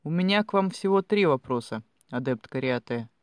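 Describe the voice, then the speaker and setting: A man's voice: medium pitch, animated, normal speed, clear, resonant tone, no echo, close to an everyday voice. Guy doing a furious magister voice, hisses every word, barely holding it in, dry recording. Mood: cold fury. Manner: clipped, hissing, barely restrained rage. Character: stern, furious male magister and academy director.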